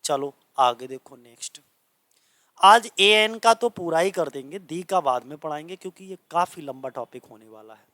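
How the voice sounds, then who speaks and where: A man's voice: fairly high pitch, expressive, moderate pace, sharp tone, no room sound. A man from India teaching a grammar lesson in a coaching class, explaining patiently, repeating points and checking that students follow.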